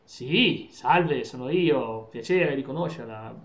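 A man's voice: medium pitch, lively intonation, slow pace, roomy sound. A man streaming a video game, joking playfully with his chat and friends. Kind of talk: live gameplay stream chat.

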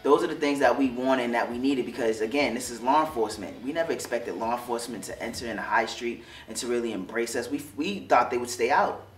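A man's voice: mid-range voice, quick pace. A young man, a police officer, speaking heartfelt and loosely in an interview testimonial, often restarting his phrases. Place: studio with curtain backdrop. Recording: roomy studio, distant mic, soft music.

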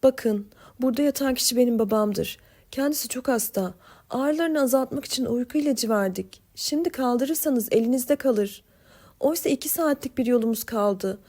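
A woman's voice: fairly high pitch, moderate pace, warm tone, lightly acted. A woman voicing a desperate young woman who pleads and coaxes in an audiobook story. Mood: pleading. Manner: pleading, urgent.

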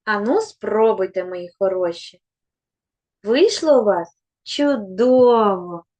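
A woman teaching a literacy lesson to young children, speaking in a slow, encouraging way and carefully stretching out letter sounds and tongue twisters. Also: medium pitch, expressive, darkish tone. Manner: slow, sing-song and encouraging, addressing children.

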